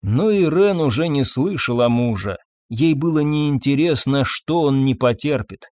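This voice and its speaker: A man's voice: mid-range voice, animated, unhurried, darkish tone, no room sound. Man narrating a story in a dry, close voice. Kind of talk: audiobook narration.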